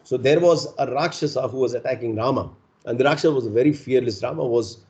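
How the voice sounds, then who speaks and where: A man's voice: medium pitch, fast, darkish tone. A man with an Indian accent speaking as a spiritual teacher at a satsang, earnestly explaining and checking in with listeners through rhetorical questions. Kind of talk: devotional discourse to a congregation. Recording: dull, muffled lo-fi sound.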